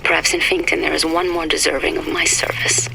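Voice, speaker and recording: A disillusioned idealist in a game audio diary. The voice is gravelly, flat and solemn, on a noisy, crackling old recording. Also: male voice, a little high, fairly quick. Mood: solemn resolve.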